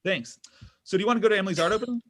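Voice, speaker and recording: A man races through his lines in a high-pitched voice with light acting, playing a needy, pushy thirty-something on a date at a comedy pilot table read. The character whines, gets defensive and over-explains, giving the scene an awkward, defensive mood.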